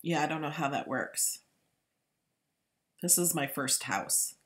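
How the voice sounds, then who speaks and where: A woman's voice: deep voice, lively intonation, slow pace, fairly bright tone. A woman hosting a live stream, talking casually and thinking aloud as she replies to viewers. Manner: chatty, informal, thinking aloud.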